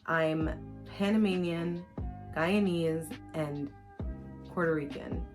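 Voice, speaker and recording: A woman's voice: low-pitched, slow pace, music in the background. A young woman from New York and Costa Rica, introducing herself casually as a podcast host.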